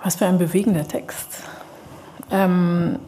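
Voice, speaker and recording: A woman's voice: fairly low pitch, steady tone, a little slow, dark tone, a little hiss or hum. A woman moderating a literary evening, asking an author questions in a hesitant way with fillers and restarts. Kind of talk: interviewing an author on stage.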